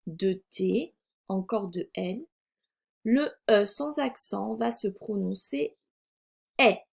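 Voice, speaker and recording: A woman primary school teacher from France giving a recorded reading lesson to young children, sounding out syllables slowly and deliberately. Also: mid-range voice, vocal fry, a little mellow. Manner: slow, deliberate, over-articulated sounding out of syllables.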